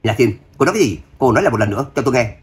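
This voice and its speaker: A man's voice: animated, fast talker, breathy edge. A man voicing a sneering, spiteful rich young woman. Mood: shrieking. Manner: sneering, shrill when angry.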